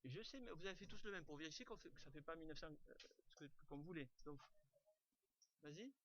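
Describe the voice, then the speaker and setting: Using a computer mic on a video call, this fast-talking man with a fairly high, fairly bright voice runs an online class. His delivery is informal, full of fillers and restarts, and the sound is lo-fi.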